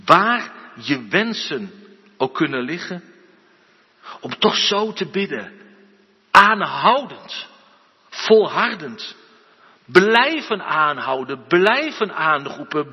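Male preacher, husky voice, slow earnest sermon, dull recording with long church echo. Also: on the high side. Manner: slow, earnest preaching with rising emphatic outbursts.

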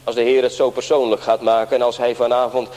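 A man delivering an earnest sermon from the pulpit, turning again and again to speak straight to his congregation. His mid-pitched voice carries a long church reverb that hangs behind every phrase. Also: little pitch movement, quick pace, a little mellow. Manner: earnest preaching, often addressing the congregation directly. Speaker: pastor.

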